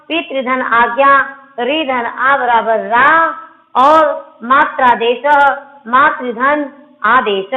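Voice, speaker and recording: Slow, high-voiced woman teaching grammar. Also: narrow, tinny audio. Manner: spells out rules step by step, repeating sounds. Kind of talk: slow classroom grammar lesson.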